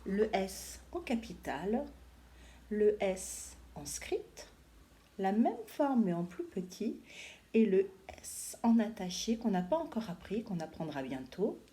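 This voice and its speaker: A woman teacher giving a lesson to young children, slowly drawing out and exaggerating each letter sound. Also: medium pitch, very animated, dark tone.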